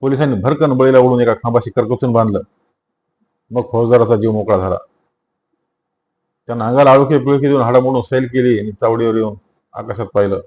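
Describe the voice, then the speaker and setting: A man reading a novel aloud as narrator, measured and steady. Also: mid-range voice, low-quality recording.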